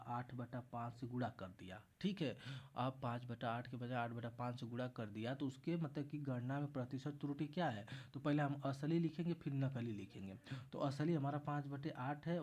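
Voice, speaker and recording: A man's voice: medium pitch, a little mellow. A man tutoring math in a casual exam-prep lesson, walking through each step and repeating himself as he explains.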